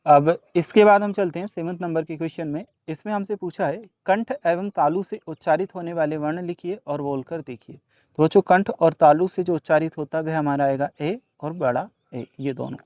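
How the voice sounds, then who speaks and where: Guy teaching kids through workbook answers, kinda high voice, dry sound, asks then answers himself. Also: normal speed, a little mellow, dry recording. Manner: addresses children, asks and answers own questions; mixes English numbers and words into speech. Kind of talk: workbook solution lesson.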